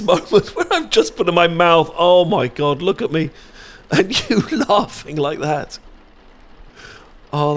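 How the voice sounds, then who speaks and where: Here a British man takes the role of an affectionate young best friend in a relaxed, intimate ASMR roleplay, teasing playfully and using soft tag questions. The performance is heavily acted in a slightly high voice, with an amused, nostalgic feel.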